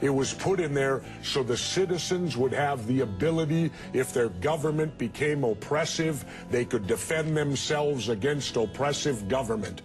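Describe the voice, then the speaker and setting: Man in a heated TV debate, combative, keeps interrupting, clear music running underneath. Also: mid-range voice, moderate pace, hardly any pauses. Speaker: former politician debating on TV.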